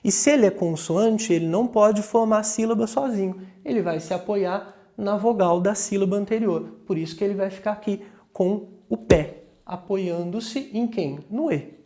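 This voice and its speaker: A man's voice: high voice, mellow. A man with a Brazilian Portuguese accent teaching a grammar lesson. He draws out example words syllable by syllable and keeps checking in with the class. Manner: slow, deliberate, drawing out example words syllable by syllable.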